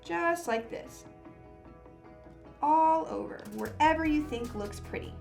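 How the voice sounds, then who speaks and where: A woman hosts a children's art and craft show in a high, lively, slightly creaky and mellow voice, with soft music in the background. She speaks in an exaggerated singsong, explaining things simply and encouragingly to young viewers, asking them questions and pausing for their replies.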